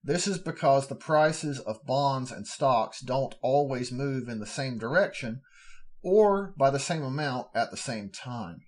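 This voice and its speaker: A podcast host with a mid-range, animated voice reads formal fund descriptions aloud at a measured, steady pace, now and then breaking off for plain spoken asides.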